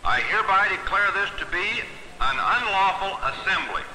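A police lieutenant on a bullhorn. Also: male voice, high-pitched, animated, normal speed, full character voice. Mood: commanding. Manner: formal, commanding, rising to a shout. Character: stern male police lieutenant giving orders. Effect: amplified through a bullhorn. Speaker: police lieutenant ordering a crowd to disperse. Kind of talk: 1960s police training film. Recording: echoey bullhorn from far off, faint noise.

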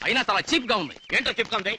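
A vain, fretful comic groom who talks in a rapid, bright, high rush in a dubbed film. His pleading whine rises and falls widely as he frets. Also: lively intonation, slight background noise, full character voice.

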